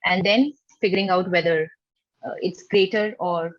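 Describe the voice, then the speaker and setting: A woman's voice: fairly low pitch, normal speed, dry recording. A woman conducting a formal mock technical interview over an online call, patient and reassuring, phrasing things tentatively. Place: online video call with screen sharing. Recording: dull lo-fi online call, dry.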